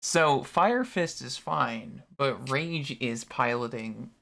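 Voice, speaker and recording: A woman's voice: rumbling low, lively intonation, takes it slowly, creaky, fairly bright tone. A woman acting as game master, casually explaining things to her players.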